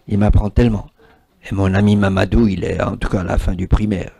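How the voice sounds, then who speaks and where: A man's voice: on the low side, flat delivery, a little fast, gravelly, dark tone. A man, giving a spiritual talk and taking questions from an audience, repeating words for emphasis. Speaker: spiritual speaker.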